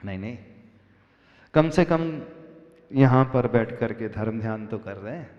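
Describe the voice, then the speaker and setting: Slow-speaking monk in an echoing hall. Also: male voice, medium pitch, lively intonation. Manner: slow, questioning the audience, teasing with humor. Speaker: Jain monk preacher. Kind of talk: sermon to a live congregation. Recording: dull lo-fi sound with long hall reverb.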